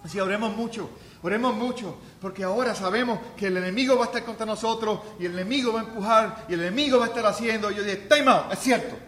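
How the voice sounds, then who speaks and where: A man preaching a sermon as pastor, talking conversationally, then rising to loud, emphatic peaks. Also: sits high, quick pace, few pauses, roomy sound, a little hiss or hum.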